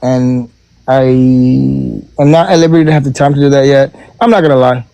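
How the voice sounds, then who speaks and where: A man's voice: medium pitch, steady tone, normal speed, gravelly, mellow, dry recording. A man speaking candidly and hesitantly as a caller in an online debate. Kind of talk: casual debate talk.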